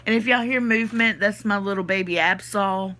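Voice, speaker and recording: A brisk woman with a mid-range voice and a sharp tone hosts a livestreamed podcast, reading and answering her live chat in a casual way. She's from the Southern US, has a Southern accent, and sounds stuffy in the sinuses; a little hiss or hum is audible.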